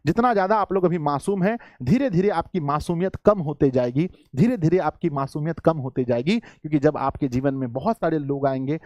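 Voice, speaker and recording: A man's voice: on the high side, brisk, hardly any pauses, a little mellow, no room sound, clean studio sound. A man teaching a live online exam-prep class, coaxing and repetitive, calling his students children.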